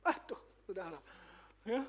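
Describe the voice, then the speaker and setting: A male pastor preaching a lively, conversational sermon with asides to the congregation in a church. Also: high voice, unhurried, breathy edge.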